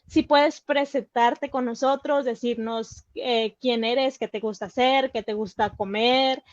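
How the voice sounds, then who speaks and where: A woman's voice: on the high side, steady tone, unhurried, dry recording. A woman hosting a book fair interview, upbeat and welcoming. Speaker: interviewer, host. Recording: dry, dull lo-fi sound.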